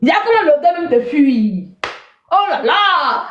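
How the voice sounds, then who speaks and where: Woman streamer, high lively voice, mocking and scornful, roomy dull lo-fi audio. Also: unhurried, slight background noise. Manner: mocking, scornful, repeats herself. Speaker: live stream host. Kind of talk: insulting live-stream chat.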